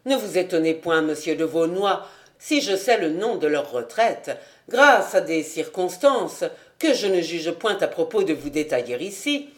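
A woman reading an audiobook, voicing a male army captain in a lowered, cool, measured tone. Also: expressive. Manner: cold, measured, unhurried.

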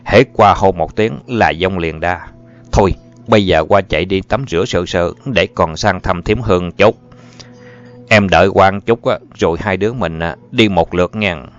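A man's voice: sits low, moderate pace, lightly acted. A man voicing a boastful, swaggering grown man in an audiobook, talking in a jovial Southern Vietnamese accent. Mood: bossy. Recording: muffled with faint music.

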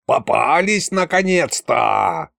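A man voicing a boastful, menacing male ghost shaped like a furry ball, with a creaky, gloating voice, in an audiobook. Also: medium pitch, big pitch swings, slow pace, a bit bright, dry recording, studio quality, heavily acted.

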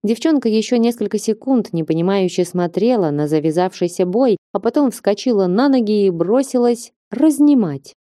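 A woman reading an audiobook with even, measured narration. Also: medium pitch, no room sound, clean studio sound. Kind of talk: scripted narration.

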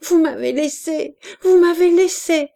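A woman reading an audiobook voices a feverish, frightened little girl who pleads breathlessly and sometimes cries, in a high, strained voice. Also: slow pace, creaky, darkish tone. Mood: panicked sobbing.

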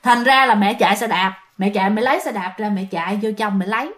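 A woman with a medium-pitched, slightly bright voice tells a ghost story casually at a quick pace. She is chatty and speaks directly to her listeners.

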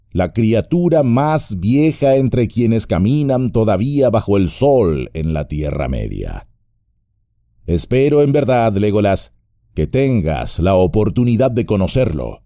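A man voicing an old, wise and wry male wizard in an audiobook, speaking in a measured, gently humorous way. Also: medium pitch, dry recording, studio quality, voice pushed up.

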